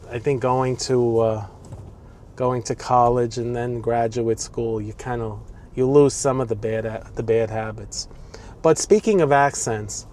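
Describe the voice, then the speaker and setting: With faint traffic noise behind him, a sixty-something New Yorker vlogs casually from his car, his medium-pitched voice a little mellow. He rambles, airs strong opinions, and grumbles in asides as he drives through the city.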